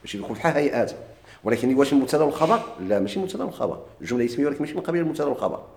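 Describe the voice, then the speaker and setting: Male grammar teacher, Moroccan accent, rapid lecture, quizzes and answers himself, echoey room. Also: mid-range voice, animated, creaky, a little mellow, a little hiss or hum. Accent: Moroccan Arabic. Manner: asks questions and answers them himself. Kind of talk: classroom lecture.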